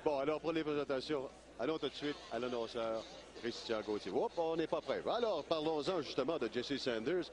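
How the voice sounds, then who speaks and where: A man's voice: medium pitch, moderate pace. A man with a Quebec French accent hosting live boxing commentary in a conversational style. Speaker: boxing play-by-play host. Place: ringside at a casino boxing event. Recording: loud crowd behind commentary.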